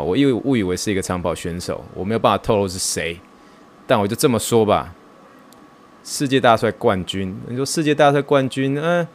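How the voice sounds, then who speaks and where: A man hosting a podcast, talking in a casual, excitable and self-mocking way, mixing in English words. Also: fairly low pitch, a little hiss or hum. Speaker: podcast host.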